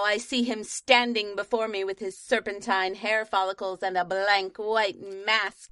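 A woman's voice: fairly high pitch, fairly bright tone, dry recording. A woman playing a self-important female radio news reporter who narrates events dramatically in a comedic audio drama.

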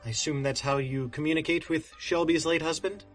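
An actor playing a wary occult detective in an audio drama, with a formal, wordy, dry way of talking. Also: male voice, on the high side, fairly even intonation, brisk, faint music behind, natural voice. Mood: urgent, formal.

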